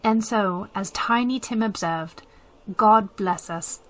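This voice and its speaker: A woman's voice: mid-range voice, slow pace, noisy background. A woman narrating a radio drama as a scripted storyteller, with emphatic, theatrical phrasing.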